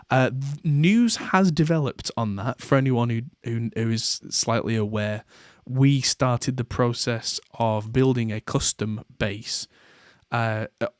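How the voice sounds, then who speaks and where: A man's voice: medium pitch, a little slow, clear, resonant tone, no room sound, studio quality. Chatty man hosting a podcast. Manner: rambling, with many fillers and restarts. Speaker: podcast host. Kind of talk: casual chat.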